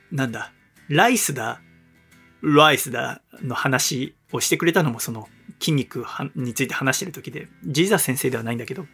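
A man's voice: medium pitch, fairly bright tone, slightly rough. A man hosting a radio show, telling a rambling story in a casual, chatty way full of fillers and reading listener mail.

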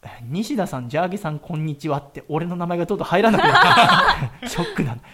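A man's voice: fairly high pitch, big pitch swings. A man hosting a radio show, reading listener mail and teasing his co-hosts in casual chat. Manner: teasing, jokey, fast-talking.

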